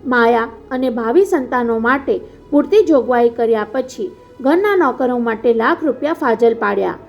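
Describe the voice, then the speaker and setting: Audiobook narrator, woman, high voice, steady read, dull lo-fi sound. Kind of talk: scripted narration. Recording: dull lo-fi with faint music.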